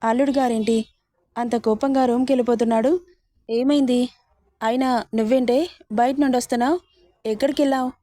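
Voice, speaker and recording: A woman's voice: a little high, steady tone, brisk, long pauses, warm tone, no room sound, studio quality, natural voice. A woman voicing a middle-aged mother who scolds her daughter in a fussy, nagging way. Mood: scolding.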